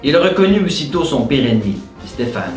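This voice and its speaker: Man, game host reading a silly story, animated, echoey room, faint music. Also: mid-range voice, brisk. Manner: laughs and shouts often while reading. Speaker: host reading a mad lib. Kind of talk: casual comedic game reading.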